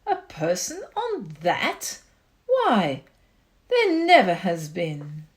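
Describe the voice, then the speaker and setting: A woman's voice: mid-range voice, wildly swooping pitch, very slow, voice pushed down, exaggerated voice. A woman voicing a sour, scornful kangaroo mother in a haughty, scoffing storybook read.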